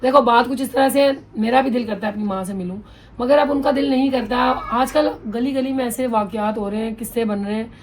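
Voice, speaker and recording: A woman's voice: on the high side, background noise. A woman, chatting bluntly and readily as she reads viewer comments in a home vlog. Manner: talkative, blunt, quick-tongued. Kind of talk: casual chat.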